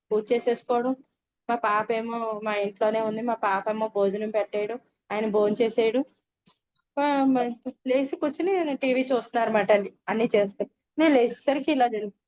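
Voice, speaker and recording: A woman's voice: on the high side, a little mellow. An older woman earnestly telling her meditation experience as a personal testimony, closing her sentences with polite endings. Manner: earnest storytelling, frequent polite "andi" endings.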